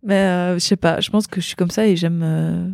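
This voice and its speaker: A young woman speaking as a podcast guest in a relaxed, chatty way, with many fillers and restarts. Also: fairly low pitch, normal speed, gravelly, dry recording, studio quality. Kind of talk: casual podcast interview.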